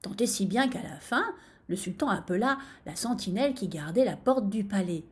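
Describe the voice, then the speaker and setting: A woman reading a fairy tale aloud in an expressive, lively way. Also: medium pitch, moderate pace. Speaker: storyteller. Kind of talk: storybook reading.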